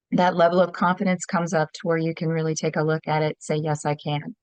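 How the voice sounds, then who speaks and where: A woman coach talks in a low, steady voice that barely rises or falls. She speaks slowly and earnestly, in motivational lists, and the recording is dry and close. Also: clear, resonant tone, dry recording, rough recording. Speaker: workshop leader and coach. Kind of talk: interview guest answering at length.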